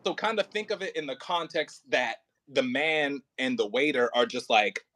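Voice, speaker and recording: A medium-pitched man with a sharp tone, recorded dry, directs an audio play. He coaches an actor in a casual, encouraging way, musing aloud through halting, repeated phrases.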